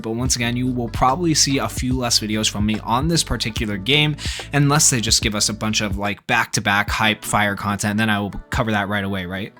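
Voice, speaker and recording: Over background music, a YouTuber offers casual gaming news commentary, rambling and speculating informally. His voice is medium in pitch and a bit bright.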